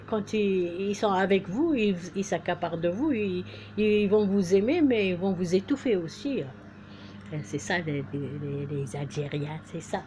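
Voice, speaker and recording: A woman from Algeria speaks in a casual monologue, full of hesitations and restarts. Her voice sits fairly low and sounds warm and mellow. When she exhorts, she grows insistent and repeats herself. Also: a little hiss or hum. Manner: hesitant, many fillers and restarts. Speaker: vlogger.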